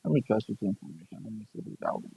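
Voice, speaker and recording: A man's voice: on the low side, sing-song, racing, creaky, dark tone, husky, no echo. A young Nigerian man with a Nigerian accent, a gaming streamer in casual chat, blunt, profane and repeating his points. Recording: dull lo-fi dry sound.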